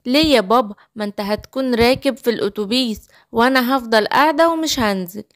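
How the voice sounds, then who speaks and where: A woman voicing an eager young girl in a children's cartoon story, with an Egyptian Arabic accent and a lively, pleading childlike manner. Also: a little high, quick pace, dry recording, clean studio sound, lightly acted.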